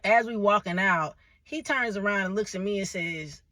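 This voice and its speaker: A woman comedian telling a story in an animated, exasperated way. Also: medium pitch, normal speed, dry recording, clean studio sound.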